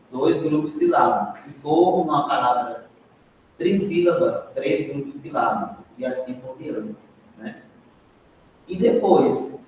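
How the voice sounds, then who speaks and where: A Brazilian man with a Brazilian Portuguese accent leads a training session, questioning the group, prompting them to answer and often tacking on "né?" as a tag question. His mid-range voice is recorded from a distance in an echoey classroom with slight background noise.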